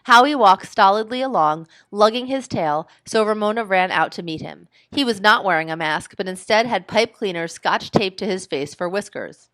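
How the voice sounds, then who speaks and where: A woman teacher reading a children's book aloud with expressive storytelling. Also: medium pitch, moderate pace, hardly any pauses.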